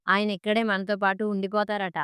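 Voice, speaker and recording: A woman voicing a sharp-tongued young girl who speaks in a sarcastic, whiny way. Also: medium pitch, flat delivery, moderate pace, clean tone, dry recording, clean studio sound, lightly acted.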